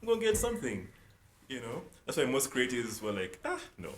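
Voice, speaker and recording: A young South Sudanese musician, a guest on an interview, talks casually at a fairly quick pace in a medium-pitched voice. He rambles in a relaxed way, often restarting with "like" and "you know," in an echoey room with faint noise.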